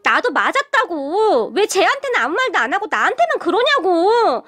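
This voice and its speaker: Woman doing a bratty shrieky sister-in-law, high and whiny, storybook radio tale. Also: big pitch swings, normal speed, exaggerated voice. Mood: whining. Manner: shrill, whiny, shouting.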